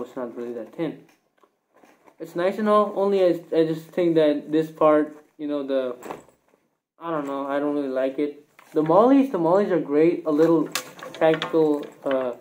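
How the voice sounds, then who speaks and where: A man's voice: on the high side, mellow, slight background noise. A young man giving a casual, rambling gear review, his voice muffled through a cloth mask.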